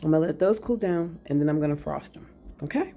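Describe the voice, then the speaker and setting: A woman's voice: sits low, animated, quick pace, dark tone, a little hiss or hum. A woman chatting casually to her viewers while baking at home in her kitchen, sometimes with her mouth full. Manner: chatty, talks to viewers while cooking, hums while tasting; talks with mouth full at times.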